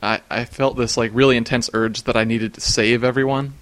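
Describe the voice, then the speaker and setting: A man's voice: mid-range voice, steady tone, a little fast, fairly bright tone. A man in casual chat, recounting strange dreams and often breaking into laughter. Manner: laughs often while telling, many fillers.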